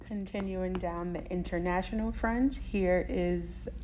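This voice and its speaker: A woman's voice: on the low side, steady tone, unhurried, mellow, slight background noise. A woman hosting a shopping channel who explains how to say tricky words in a chatty way, laughing lightly now and then. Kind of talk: casual explanatory lesson.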